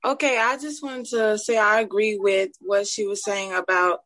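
A woman's voice: medium pitch, steady tone, moderate pace, fairly bright tone, dry recording, low-quality recording. A young woman calling in to the show, gushing with praise and filling her talk with "like". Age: young adult. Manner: gushing, fills her speech with "like". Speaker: caller. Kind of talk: casual chat.

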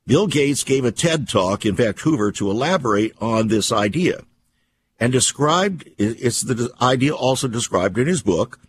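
Slight background noise sits under this male radio host's medium-pitched, lively voice. On his talk program he gives a deliberate, emphatic monologue full of alarmist, conspiratorial opinion, repeating himself and posing rhetorical questions.

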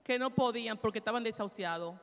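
A middle-aged woman pastor preaches with fervor, her bright, high voice rising to cries and sinking to near-whispers. She pauses line by line for an interpreter. A long church reverb trails each phrase. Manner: impassioned preaching, swinging from shouts to hushed lines. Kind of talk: bilingual sermon with live interpreter. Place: church sanctuary.

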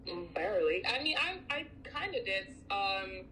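An animated woman from the United States co-hosts a podcast and chats in a lively, filler-heavy way. Her voice has a middling pitch. A faint noise sits under the recording. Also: measured pace, poor audio. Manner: animated, chatty, many fillers. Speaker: podcast co-host. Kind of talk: casual chat.

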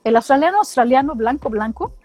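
A middle-aged woman from Mexico with a Mexican accent, telling animated, slangy stories in casual chat and acting out what people said. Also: sits high, brisk, soft background music. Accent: Mexican Spanish. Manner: animated storytelling, slangy, acts out quotes.

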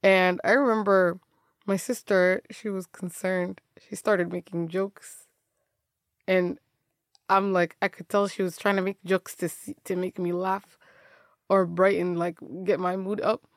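A young woman recounting her own hard times in a low, gravelly voice. She talks candidly and loosely, restarting her phrases and laughing between thoughts. The sound is dry and close to the mic. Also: level tone, measured pace, no room sound. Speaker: podcast host telling her story. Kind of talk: personal storytelling monologue.

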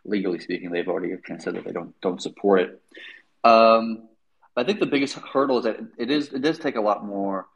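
Lowish voiced guy hosting a casual tech chat, rambles through explanations, says like a lot. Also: fairly quick, gravelly, rough recording. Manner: informal, rambling explanations peppered with "like" and "right". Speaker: host. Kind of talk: casual unscripted tech discussion.

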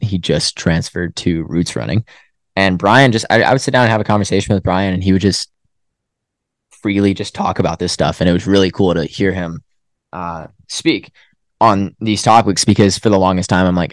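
A man's voice: deep voice, no room sound, clean studio sound. A young man, a college runner, telling a story in a casual podcast interview, acting out his own self-talk. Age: young adult. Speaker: guest, college track runner. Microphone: podcast microphone.

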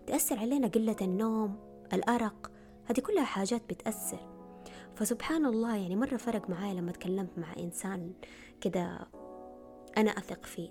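Woman, rapid earnest motivational talk, faint music behind. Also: medium pitch, dark tone. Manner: earnest, repeats words for emphasis. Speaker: vlogger giving self-help advice. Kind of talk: casual motivational talk to camera.

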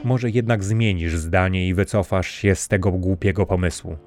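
A proud, hot-tempered old king, as a male narrator puts him on, gruff and commanding. His voice is very low. Soft music sits underneath the storybook reading. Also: fairly even intonation, normal speed, lightly acted. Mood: stern.

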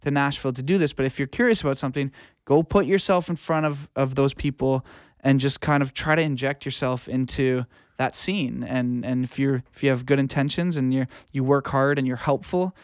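Guesting on a casual interview, a music producer and audio engineer gives career advice in an informal, earnest manner. His mid-range voice is brisk and smooth, captured in a dry, clean studio recording.

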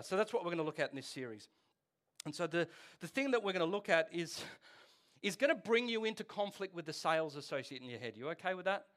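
A pastor in his forties delivers a casual, joking sermon, chatting with the congregation and often asking them questions. His voice is fairly high and a bit bright.

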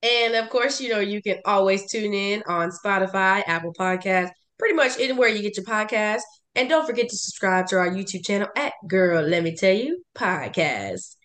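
A woman co-hosting a casual podcast, animated and joking, calling out her friends. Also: mid-range voice, moderate pace. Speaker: podcast co-host.

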